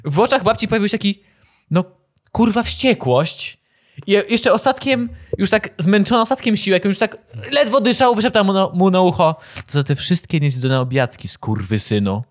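A young man with a notably high voice, chatting on a podcast. He delivers dark jokes flatly and swears freely. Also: normal speed. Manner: deadpan dark humor, swears. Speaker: podcast co-host. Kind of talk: casual banter.

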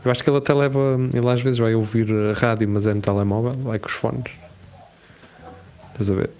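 Portuguese man, casual podcast co-host, animated and jokey, laughs a lot. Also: medium pitch, brisk. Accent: European Portuguese. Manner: animated, laughing, slangy, acts out quoted voices. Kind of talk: casual chat.

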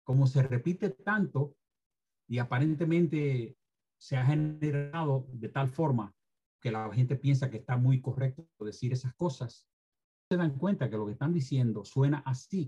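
A man's voice: medium pitch, warm tone, slightly rough, muffled recording. A former Spanish teacher being interviewed, a man who speaks emphatically and lectures about careless language use. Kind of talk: interview, opinionated commentary on language.

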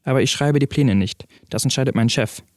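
Tired worried mother, read by a man in a storybook, soft and subdued. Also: medium pitch, a little fast, no echo, clean studio sound, lightly acted. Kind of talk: storybook dialogue reading.

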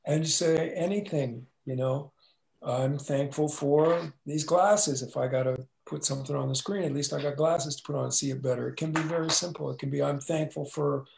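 A man's voice: medium pitch, steady tone, fast talker, creaky, hardly any pauses, a little hiss or hum, low-quality recording. A man talking as a podcast guest in a laid-back, casual way, sprinkling in "dig, man" and "you know.".

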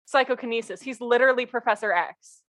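A young woman co-hosting a podcast, chatting casually about a book with animated, sarcastic energy and free swearing. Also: a little high, fast talker. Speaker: podcast co-host.

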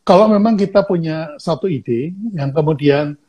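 A man speaking calmly and in a measured way in casual conversation, offering advice. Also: a little high, a crowd in the background. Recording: faint background noise.

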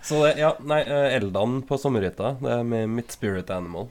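A man's voice: medium pitch, expressive, a little mellow, slight background noise. Chuckling man rambling. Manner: laughing often, rambling with many fillers. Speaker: podcast co-host. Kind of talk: casual radio chat.

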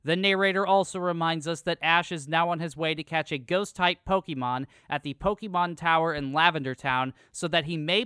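A man's voice: a little high, sharp tone, smooth, no room sound, studio quality. A man co-hosting a podcast, recapping an episode from a script with jokey asides. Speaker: podcast co-host. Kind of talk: casual recap chat.

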